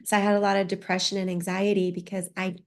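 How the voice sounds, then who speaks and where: Speaking fast with a flat delivery, this woman has a mid-range voice. She is in her thirties or forties, from the United States with Spanish as her first language, and as an interview guest on a podcast she recounts her personal story reflectively and candidly, restarting often.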